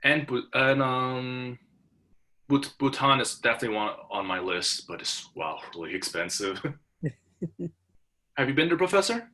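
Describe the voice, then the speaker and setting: A young Hong Kong student chats casually with his professor in a halting way, with many fillers and restarts. His medium-pitched voice is expressive and bright, with a forceful tone.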